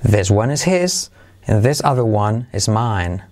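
A man with a Spain Spanish accent teaching an English lesson to Spanish speakers, saying model phrases slowly and checking in with "¿vale?". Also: on the low side, very animated, a little mellow. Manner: slow, careful model phrases, asks "¿vale?" often.

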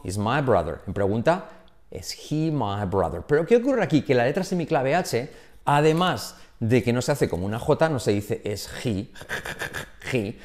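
A man whose first language is Spanish, teaching an online English lesson. He drills short phrases with energetic, exaggerated pronunciation. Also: medium pitch.

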